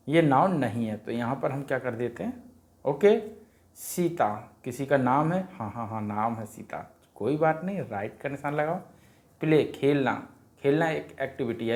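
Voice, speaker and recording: A man walks through a grammar worksheet, chanting vowel sounds in a sing-song drill. He keeps posing questions and answering them himself, in a middle-pitched voice. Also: darkish tone. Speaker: teacher explaining a worksheet. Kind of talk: Hindi grammar lesson for parents.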